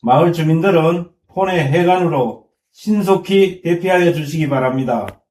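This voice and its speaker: Man's evacuation call over a village loudspeaker. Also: fairly high pitch. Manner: slow, measured, repeats the message. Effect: village loudspeaker broadcast. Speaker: village head. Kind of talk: emergency evacuation announcement. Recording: echoey loudspeaker heard from far off.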